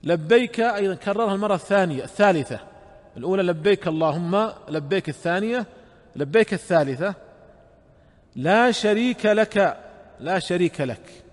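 A man's voice: high voice, expressive. Man teaching in an echoing hall. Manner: measured explanatory delivery, repeats key phrases. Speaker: Islamic scholar. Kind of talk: religious lesson. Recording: long hall reverb.

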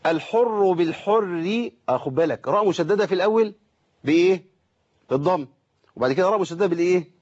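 A middle-aged Egyptian man runs an online Quran recitation lesson, talking fast in a husky, slightly high voice. He corrects his students and slowly repeats each letter and word for them. The audio is muffled and lo-fi. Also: a little mellow. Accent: Egyptian Arabic.

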